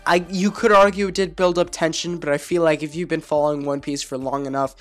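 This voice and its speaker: A man reviewing an anime episode in a casual video, his voice hoarse from being sick, rambling with lots of fillers and restarts. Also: a little high, fairly even intonation, fairly quick, soft background music. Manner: rambling, filler-heavy, self-correcting.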